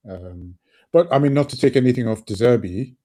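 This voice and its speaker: A man co-hosting a casual football podcast speaks quickly and expressively in a mellow, mid-range voice. Sniffly from hay fever, he's passionate and often repeats words while he thinks.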